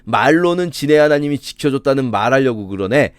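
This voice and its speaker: A man's voice: mid-range voice, expressive, brisk, smooth, dry recording, close to an everyday voice. A man voicing an arrogant enemy general who mocks and taunts in a raised, sneering voice during a sermon. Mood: taunting. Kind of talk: sermon with acted quotes.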